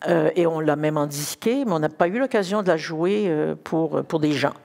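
A woman's voice: low-pitched, animated, moderate pace, gravelly, darkish tone. An older woman talking unscripted about music as an ensemble director, in hesitant stop-start phrases with repeated words. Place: large concert hall stage, indoors. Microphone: headset.

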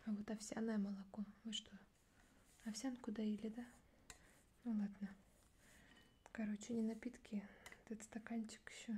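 A young woman in a barely audible whispered role-play as a gruff, disdainful border guard, muttering sardonically. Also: a little high, a little hiss or hum. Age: young adult. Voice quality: soft whisper, mostly unvoiced, barely audible. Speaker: ASMR performer playing a border officer. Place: small dark indoor studio setup.

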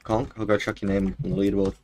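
Streaming a game from a small room at home, a young man with a broad New Zealand accent chats in a laid-back, slangy way. His voice is lowish and mellow, flat in delivery and quick.

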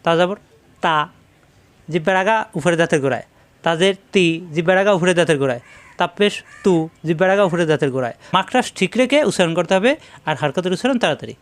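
A man teaching letter pronunciation, briskly drilling syllables over and over. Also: sits high, expressive. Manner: brisk drilling, repeats syllables slowly then quickly. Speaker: Quran recitation teacher. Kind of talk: pronunciation lesson.

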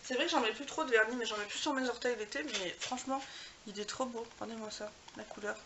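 A woman's voice: on the high side, fast. Gushing woman vlogger, noisy home recording. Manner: gushing, chatty, filler-heavy. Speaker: beauty vlogger. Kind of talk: casual unboxing chat to camera.

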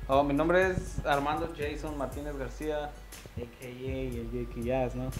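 A young man talks casually as a rapper guest, stretching his fillers and using plenty of slang. His delivery stays flat and low-key, with faint music in the background. He speaks into a handheld mic in a small studio. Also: a little slow. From Mexico. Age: 20s. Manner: laid-back slangy talk, drawled fillers. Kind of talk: casual interview.

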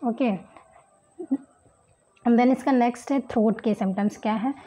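A woman teaching homeopathy, slowly reading English terms from a book and explaining them in Hindi with frequent "okay"s. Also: fairly high pitch, steady tone, warm tone, low-quality recording. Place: indoors at a table, book and pen on camera.

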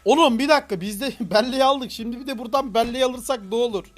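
A man streaming a game live, commenting excitedly in slangy, playful talk and breaking into shouts and laughter. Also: very high-pitched, very fast, soft background music.

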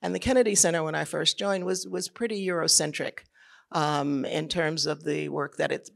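Gravelly measured male panelist. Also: fairly high pitch, fairly even intonation. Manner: measured, frequent word repeats. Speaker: panelist, arts programmer. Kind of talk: conference panel talk.

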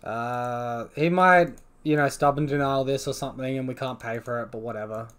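Young guy talking through his own card game, mid pitch, groans then gets all relieved and hyped. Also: moderate pace, smooth. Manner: thinks aloud about each play, swings from groans to relieved excitement. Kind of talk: casual live gameplay commentary.

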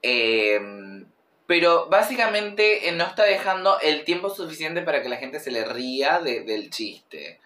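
Guy reacting to a clip, chatty and analytical, slightly high voice. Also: big pitch swings, unhurried, pushed and bright, roomy sound, recorded from a distance. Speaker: video reactor and commentator. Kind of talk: casual reaction commentary.

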